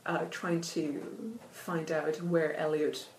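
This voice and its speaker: Talking about literature in an interview, a woman who grew up speaking Italian is thoughtful and hesitant, often restarting and filling pauses. Her voice is low and slow, recorded off-mic from a distance in an echoey room with a little hiss or hum.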